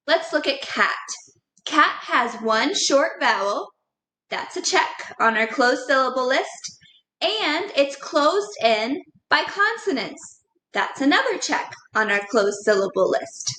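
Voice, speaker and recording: High bright teacher lady, slow and encouraging, echoey room, faint rumble. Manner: slow, encouraging, spells words letter by letter. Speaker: second grade teacher. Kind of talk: recorded classroom lesson.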